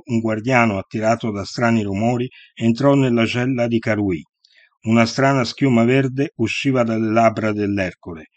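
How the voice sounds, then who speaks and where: A man narrating a historical account in a steady, measured storytelling manner. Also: medium pitch, no room sound, dull audio.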